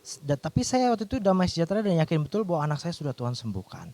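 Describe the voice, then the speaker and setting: A man's voice: fairly high pitch, very animated, rapid-fire, mellow. A man, a doctor, telling a personal faith testimony in an earnest storytelling way, with restarts.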